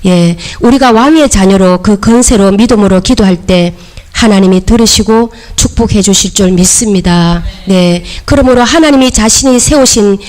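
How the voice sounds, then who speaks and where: A woman's voice: mid-range voice, a little mellow. A middle-aged woman pastor giving a sermon lecture, emphatic and repetitive, coaxing her listeners.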